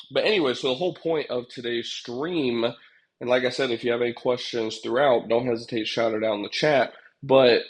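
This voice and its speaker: Over a low-quality recording, a young pest control business owner chats with viewers on his casual livestream. His medium-pitched voice is stuffed up and congested, and his talk rambles with frequent fillers.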